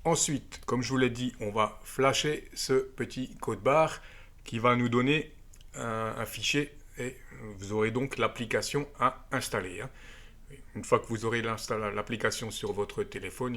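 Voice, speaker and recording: This man's voice sits on the lower side and has a bit of brightness. Hosting an amateur radio video, he shows off a gadget hands-on and casually, breaking it down step by step with lots of tag words along the way.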